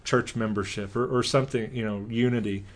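A man's voice: fairly low pitch, steady tone, fairly quick. A man chatting casually as a pastor and co-host, given to joking, teasing asides. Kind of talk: casual conversation.

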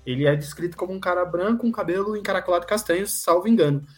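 A Brazilian woman guest on a podcast, calmly explaining her opinion in casual chat. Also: lowish voice, racing, faint music behind.

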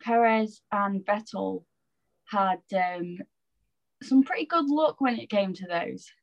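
A woman's voice: mid-range voice, takes it slowly, creaky, muffled recording. A woman co-hosting a casual podcast, agreeable and easygoing in her talk. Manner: easygoing, agreeable, uses fillers like "I reckon". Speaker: podcast co-host. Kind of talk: casual chat.

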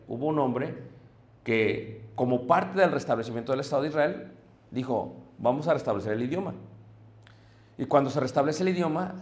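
A man preaching to a congregation, explaining things patiently and often stopping to check whether his listeners are following. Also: mid-range voice. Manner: addresses listeners directly, checks in with "ok?". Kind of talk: sermon teaching to a congregation. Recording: echoey room.

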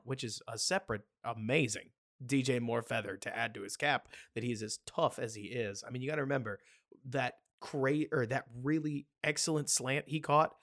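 A man co-hosting a sports podcast, thinking out loud about football in a loose, easy way. His mid-pitched voice has a noticeably gravelly, creaky edge. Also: brisk. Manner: musing, loose and conversational. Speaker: podcast co-host. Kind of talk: casual sports podcast chat.

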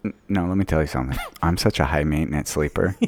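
A man's voice: rumbling low, quick pace, a little mellow. A man co-hosting a podcast, telling rambling stories in casual chat and laughing often. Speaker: podcast co-host.

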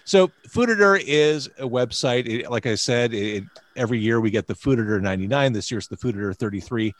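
Male podcast host, medium pitch, conversational and wordy, recorded dry with no room sound. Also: expressive, a little fast, no echo. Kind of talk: casual hosting and interview talk.

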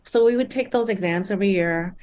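A middle-aged woman from Malaysia speaks as an interview guest, at a pitch typical for a woman. She talks thoughtfully, trailing into "um" and "uh" and breaking into small laughs along the way. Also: brisk, darkish tone, a little hiss or hum. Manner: thoughtful, with frequent fillers and light laughs. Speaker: guest, nonprofit founder. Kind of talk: conversational interview.

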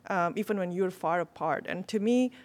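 A woman's voice: on the low side, normal speed. A woman, a product manager and guest on a panel, explaining eagerly and with everyday examples in a casual discussion.

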